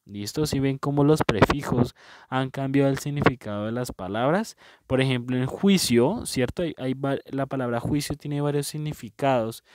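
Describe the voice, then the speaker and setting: A man's voice: mid-range voice, a little mellow. A man, teaching a patient review lesson to young pupils and checking in often with "¿cierto?". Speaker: primary school teacher.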